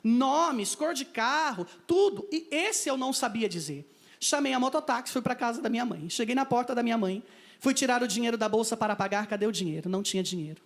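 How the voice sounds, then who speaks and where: A man with a Brazilian Portuguese accent, working as a missionary, gives a vivid personal testimony and acts out the dialogue. He talks a little fast, and his very high-pitched voice is expressive.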